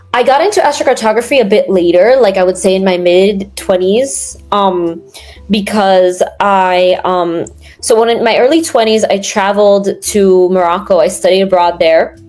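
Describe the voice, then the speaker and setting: A woman's voice: medium pitch, normal speed, a little mellow. Chatty young woman from New York. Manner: rambling, many fillers and restarts. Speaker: guest. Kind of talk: casual interview chat.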